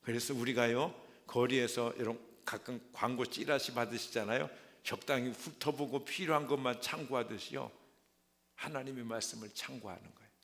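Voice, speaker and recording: A man preaching a dramatic sermon in a church, asking the congregation question after question and acting out the voices he quotes. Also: normal speed. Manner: dramatic, acts out quoted voices with big swings in pitch and loudness; asks the congregation rhetorical questions. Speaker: pastor. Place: large church sanctuary. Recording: long hall reverb.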